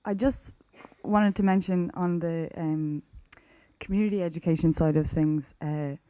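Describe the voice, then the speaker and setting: Mellow low-voiced west of Ireland woman, nervous. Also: steady tone, measured pace, no echo. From Galway, west of Ireland. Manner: nervous, hesitant. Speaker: arts facilitator and teacher. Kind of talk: comment from the floor at a conference.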